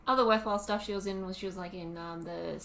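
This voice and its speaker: A woman in her twenties with an Australian accent, co-hosting a podcast in casual chat, talkative and quick to laugh. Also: mid-range voice, steady tone, vocal fry, fairly bright tone. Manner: chatty, laughs often, lots of ums. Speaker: podcast co-host. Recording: roomy with faint ambient noise.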